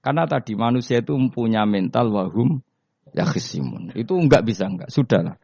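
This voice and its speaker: A man's voice: mid-range voice, fairly quick, vocal fry, no echo. A man giving a religious lecture, telling stories and asking the audience questions. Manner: lively storyteller, asks the audience questions. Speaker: Islamic preacher. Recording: dull lo-fi dry recording.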